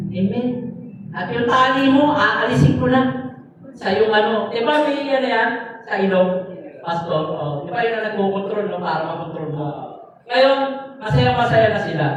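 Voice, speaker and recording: A man's voice: very high-pitched, fairly bright tone. Man preaching in an echoey hall. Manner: conversational, with frequent tag questions and fillers. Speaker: lay preacher. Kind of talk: storytelling sermon. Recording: echoey hall, mic far off, faint noise.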